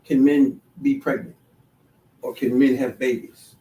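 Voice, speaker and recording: A man hosting a solo talk show, halting with many restarts, then building to emphatic, sermon-like declarations. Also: mid-range voice, little pitch movement, warm tone. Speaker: podcast host. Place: DC, Maryland, Virginia area. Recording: echoey room, voice far from the mic.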